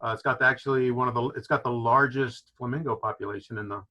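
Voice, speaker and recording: This fast-talking man has a mid-range voice with fairly even intonation. A fishing lodge owner from Florida appearing as a guest, he explains eagerly, full of "you know" fillers, over a video call microphone with lo-fi sound.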